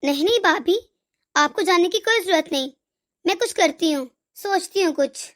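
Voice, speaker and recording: A woman voicing a caring young sister-in-law in an animated moral story, calm and reassuring. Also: very high voice, moderate pace.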